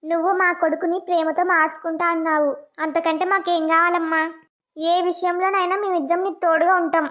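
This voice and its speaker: A woman's voice: very high voice, flat delivery, fast talker, muffled recording. Woman voicing a kindly village mother-in-law. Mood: soothing.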